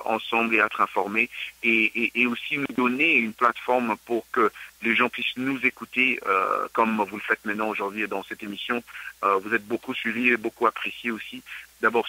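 A man's voice: lowish voice, sharp tone, dry recording, rough recording. A man from Congo speaking earnestly as a radio guest and repeating words as he searches for them. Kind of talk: interview answers.

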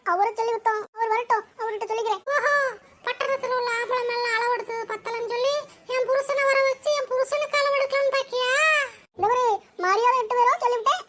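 A woman voicing several quarrelsome village women in a cartoon, with a scolding, shrill manner. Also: noisy background. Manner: scolding, high-pitched and shrill.

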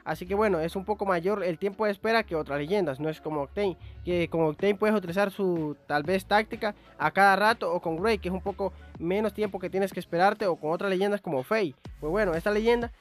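A young man giving excitable, chatty live commentary on his own gameplay. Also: sits high, fairly quick, hardly any pauses, soft background music. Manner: excitable, chatty, swears lightly while playing. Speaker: gaming YouTuber.

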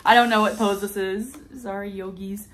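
A woman's voice: medium pitch, steady tone, normal speed, fairly bright tone, slight background noise. A young woman chatting casually as a travel vlogger, giggly and full of fillers, unboxing toys in a hotel room. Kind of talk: casual chat.

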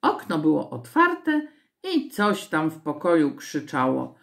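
A woman reading a children's story aloud with an expressive, storytelling manner. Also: sits low, unhurried, gravelly.

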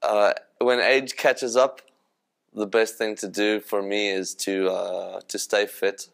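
A South African man in his thirties answers interview questions with frequent pauses. His voice is low and smooth, with a flat contour. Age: 30s. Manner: filler-heavy, hesitant. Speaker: ice hockey player.

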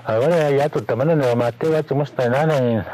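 A man working as a radio interviewer, mostly giving quiet, short agreeing responses. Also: mid-range voice, no echo, poor audio.

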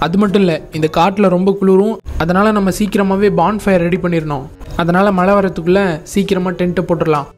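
A man's voice: high voice, steady tone, fairly quick, faint music behind, natural voice. A man playing an easygoing game hero and narrating a gameplay video, speaking plainly and giving instructions to his friends and viewers.

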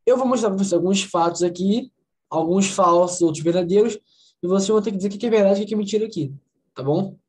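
A woman with a Brazilian Portuguese accent leads an online English class over a video call. She repeats English words slowly, breaks them down sound by sound and keeps checking that her students follow. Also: mid-range voice, a little mellow, poor audio. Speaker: English teacher. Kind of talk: online conversation class, explaining pronunciation.

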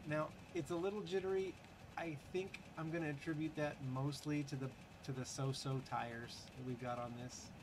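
A man's voice: fairly high pitch, steady tone, moderate pace, background noise. A man hosting a gaming channel, giving casual, chatty commentary over gameplay with wry, sarcastic asides and lots of fillers.

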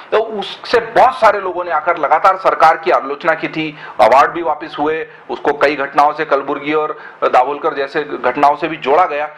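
A man's voice: high voice, a bit bright, poor audio. A man giving earnest, argumentative commentary in a web discussion, often asking rhetorical questions.

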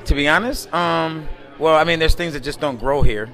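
A man answering interview questions in a relaxed, rambling way, full of fillers, recorded close to a camera indoors at a community event. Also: a little high, normal speed, faint music behind. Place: indoor event space by a window at night.

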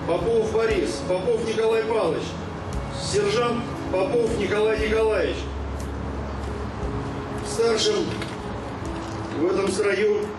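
A middle-aged man delivers a military parade address in a high, commanding drill sergeant bark. He speaks outdoors into a public-address microphone, echoing from a distance, with music behind him. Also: steady tone, takes it slowly, pauses often. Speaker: ceremony leader reading a military roll call. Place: outdoor square, stand microphone.

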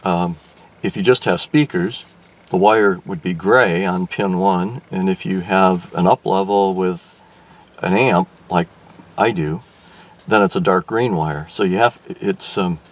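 An older man, a car restoration vlogger, explains a car radio install as he works, thinking aloud with frequent restarts and fillers in a casual, hands-on way. His voice sits low and runs a little slow. He's inside a car in daylight, recorded by a distant mic with faint background noise.

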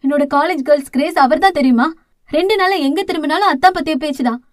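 Woman reader as an anxious younger sister, pleading and soothing, high voice, dry close recording. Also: fast talker, no room sound, close to an everyday voice. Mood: worried. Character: frightened young woman, caring younger sister, college student.

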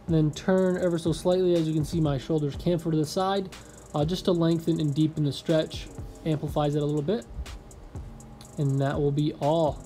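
This fairly high-pitched young man keeps things relaxed and jokey as he vlogs from a small apartment room. He talks viewers through stretches and makes a sandwich along the way.

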